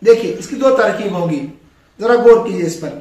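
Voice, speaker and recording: Male teacher, very high pitch, prompting question style, echoey classroom. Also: brisk, darkish tone, dull audio. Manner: quizzing, leaves words for students to finish. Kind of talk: classroom grammar lesson. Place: classroom with a board. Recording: echoey room.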